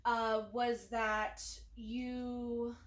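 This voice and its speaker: A woman's voice: on the high side, level tone, very slow, a little hiss or hum. A woman hosting a casual interview, chatty and giggly, with plenty of "um"s. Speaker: interview host. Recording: echoey room.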